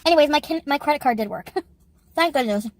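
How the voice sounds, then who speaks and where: A woman's voice: high-pitched, expressive, a little fast. A woman chatting casually in an eating vlog, telling a story and giggling often as she talks. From Canada. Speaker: YouTuber.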